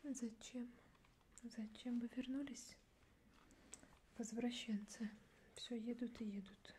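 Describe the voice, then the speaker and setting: A young woman in a barely audible whispered role-play as a gruff, disdainful border guard, muttering sardonically. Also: on the high side, fairly even intonation, slow pace, slight background noise. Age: young adult. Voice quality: soft whisper, mostly unvoiced, barely audible. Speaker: ASMR performer playing a border officer. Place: small dark indoor studio setup.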